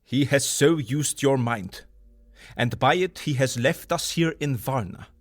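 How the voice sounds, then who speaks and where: Van Helsing, fervent older professor. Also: male voice, mid-range voice, a bit bright, no room sound. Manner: foreign, ungrammatical English, emphatic oratory. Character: earnest older male professor, vampire hunter, eccentric and fervent. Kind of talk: audio drama acting.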